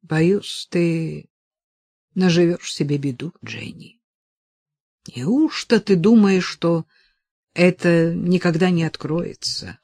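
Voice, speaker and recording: A woman's voice: lowish voice, takes it slowly, long pauses, dark tone, breathy edge, dry recording, full character voice. A woman reading the part of a worried middle-aged mother who pleads anxiously with her daughter. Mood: pleading.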